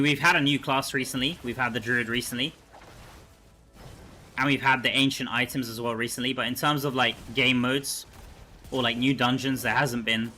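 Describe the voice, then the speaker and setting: A man's voice: mid-range voice, sharp tone, slight background noise. A man streaming a video game, chatting casually and thinking aloud as he answers his chat.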